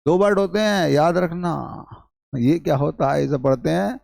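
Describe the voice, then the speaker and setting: A male teacher runs a classroom-style English lesson, pitched a little high. He keeps firing questions at the class and repeats each point, calling his students brother. The sound is dry and close. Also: moderate pace, vocal fry, a little mellow, dry recording.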